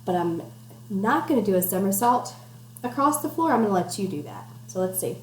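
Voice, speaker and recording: Here a woman teacher, quite quick and very animated, reads a picture book interactively to children at home, asking questions and giving instructions to encourage them. Her pitch sits in the mid range. Faint background noise and echo fill the indoor space.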